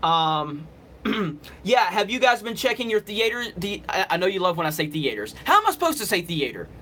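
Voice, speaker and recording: Chatting loosely with commenters on his livestream, this Alabama host has a slight Southern accent and a high, sharp voice with big pitch swings at normal speed. He rambles off the cuff, and there's a little hiss or hum.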